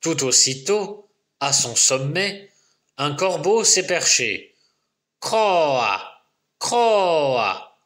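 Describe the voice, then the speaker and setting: Slow, bright-voiced male storyteller. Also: on the high side, animated. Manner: slow, rhythmic, playful telling with animal sounds. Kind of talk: tale told aloud for children.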